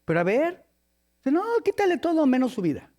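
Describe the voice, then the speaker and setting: A man's voice: very high-pitched, big pitch swings, brisk, darkish tone. A man preaching a sermon, telling a story with jokes and acting out its characters in different voices.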